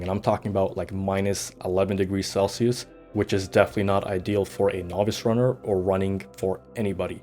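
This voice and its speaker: A man giving a scripted voice-over for his fitness vlog, steady and matter-of-fact as he lists his numbers. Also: on the low side. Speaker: vlogger.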